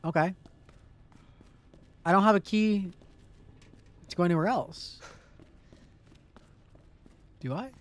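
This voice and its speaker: A man's voice: high-pitched, takes it slowly, long pauses. A man streaming a horror game with casual, sweary commentary and scared, startled reactions. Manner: sweary, blunt.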